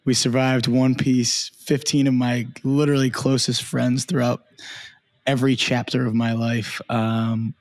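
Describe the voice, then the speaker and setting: A man's voice: mid-range voice, level tone, unhurried, dry recording. A young man co-hosting a casual podcast, telling stories in an upbeat, rambling way. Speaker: co-host.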